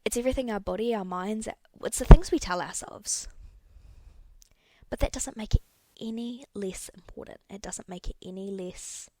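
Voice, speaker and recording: A woman's voice: mid-range voice, normal speed, dark tone, a little hiss or hum. A young woman hosting a solo podcast, talking candidly and rambling a little, correcting herself as she goes. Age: young adult. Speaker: podcast host. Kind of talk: casual solo podcast talk.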